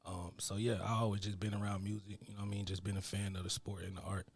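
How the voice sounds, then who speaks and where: Fast-talking low-voiced young man. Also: little pitch movement. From Mississippi. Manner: laid-back, slangy, keeps saying "you know what I mean". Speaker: guest rapper. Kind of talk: casual interview chat.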